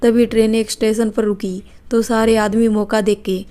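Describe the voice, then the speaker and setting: A woman narrating a story with a steady, even delivery. Her voice is slightly high but soft and mellow, and it stays on a fairly flat melody throughout. It suits scripted storybook narration. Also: normal speed, clear, resonant tone.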